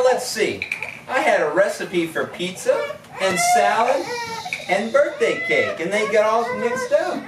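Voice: medium pitch, heavy background noise. A performer voicing a goofy, good-natured, bumbling cartoon dog puppet in a children's show, from a distance in an echoey room.

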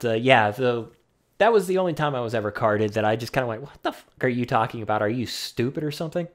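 A young adult man talking casually to the camera in a rambling, wry way, with many fillers and some swearing. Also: mid-range voice. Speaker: vlogger.

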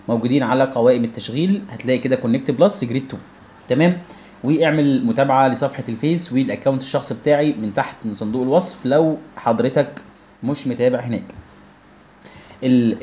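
A man's voice: mid-range voice, dark tone, slight background noise. A young man with an Egyptian accent teaching English vocabulary in an online lesson, drilling pronunciation with repeated words and rhetorical questions. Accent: Egyptian Arabic.

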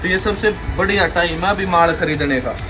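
This sales pitch video shows a young wholesale clothing seller, shot on a handheld phone in a large clothing warehouse, running through a pushy, repetitive patter. He speaks briskly in a high, slightly raised voice while music plays clearly in the background.

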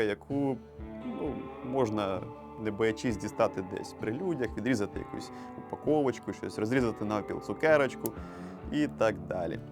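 A Ukrainian man with a fairly low voice reviews knives in a relaxed, joking way, full of enthusiasm. Clear music plays under his voice throughout. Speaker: knife reviewer and show host. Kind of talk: casual product review.

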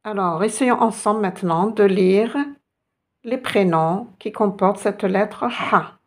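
A woman teaching an online language lesson, slow and patient, often repeating sounds for her students. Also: medium pitch. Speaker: Arabic teacher.

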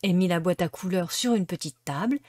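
A woman reading a classic storybook aloud with expressive, lively narration. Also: lowish voice, brisk, dry recording, studio quality. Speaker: storybook reader.

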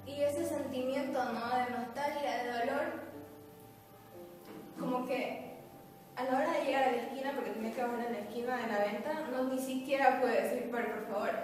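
A young woman with a Bolivian accent telling a slow, wistful stage monologue. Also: high-pitched, steady tone. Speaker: acting student. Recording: echoey hall, far from mic, music behind.

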